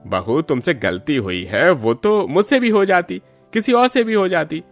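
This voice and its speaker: Man voicing a kind middle-aged cartoon father-in-law, reassuring, animated intonation. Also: fairly high pitch, a little slow, gravelly, soft background music. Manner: soothing, reassuring.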